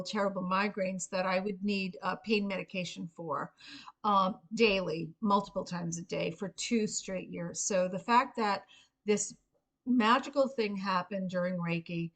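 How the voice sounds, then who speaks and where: Middle-aged woman, mid-pitched and unhurried, earnest informal storyteller pitching to camera with frequent pauses. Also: a bit bright. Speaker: Reiki practitioner and memoir author pitching a book. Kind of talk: informal spoken video pitch, personal storytelling.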